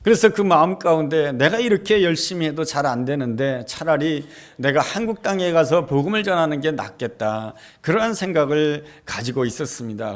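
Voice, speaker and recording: A man preaching a sermon as pastor in a church, telling a story emphatically and swelling to fervent peaks. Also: on the high side. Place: church sanctuary.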